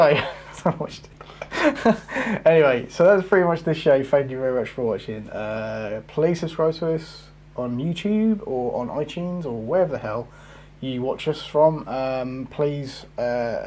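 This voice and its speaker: A man's voice: fairly high pitch, moderate pace, a little mellow, a little hiss or hum. A man hosting a casual gaming podcast, rambling with plenty of fillers and the odd swear word. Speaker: podcast host.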